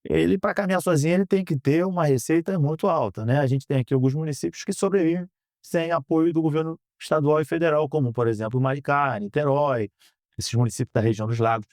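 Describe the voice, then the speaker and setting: A Brazilian man in his thirties answering interview questions in an earnest, measured way, often ending phrases with a questioning tag. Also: fairly high pitch, a little mellow, no echo, clean studio sound. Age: 30s. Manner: earnest, measured, frequent "né?" tags. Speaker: guest, politician. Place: podcast studio.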